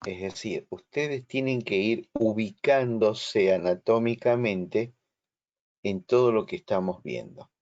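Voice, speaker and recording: Male instructor, Rioplatense Spanish accent, slow and explanatory, lower voice, muffled video-call audio. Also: animated, a little mellow. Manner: slow, explanatory, checks understanding. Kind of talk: online lecture.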